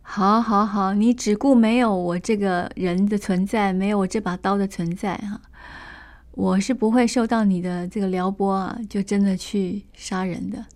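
A woman storyteller voicing a proud male swordsman who reasons calmly before losing patience. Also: medium pitch, lightly acted. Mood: restrained. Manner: measured, reasoning. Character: proud male swordsman, restrained then angry.

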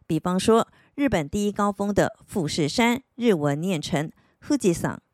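A woman giving a scripted language lesson, repeating each word slowly and clearly for learners to practice. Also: mid-range voice, animated, a little mellow, dry recording, studio quality. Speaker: Japanese language teacher.

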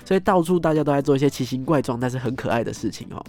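A man telling a story as host, animated, acting out scenes and ending phrases with soft tag particles. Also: mid-range voice, rapid-fire. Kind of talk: casual storytelling monologue.

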